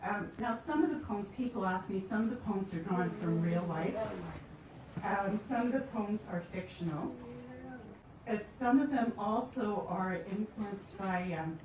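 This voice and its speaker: A woman's voice: mid-range voice, expressive, measured pace, background noise. A woman poet from Canada, chatting with a live audience and telling stories with light humor before reading her work. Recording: echoey room, distant mic, faint ambience.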